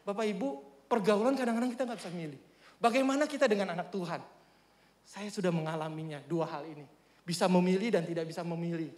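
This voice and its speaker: A male preacher tells a story in a lively, joking way. His voice sits very high for a man. The sound is echoey, as from a church hall. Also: fast talker. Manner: animated, humorous, addresses congregation often. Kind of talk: storytelling sermon.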